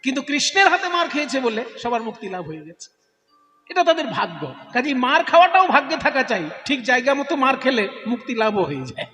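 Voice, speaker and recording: A man's voice: very high voice, very animated, fairly quick, pushed and bright, roomy sound, big-room sound, faint music behind. A man telling a devotional story in a kirtan performance, explaining words playfully and asking the listeners questions.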